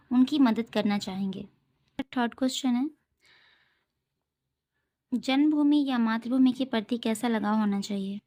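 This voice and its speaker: A woman's voice: a little high, darkish tone. A woman tutor reading out textbook questions and explaining each answer step by step. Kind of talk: homework answer walkthrough.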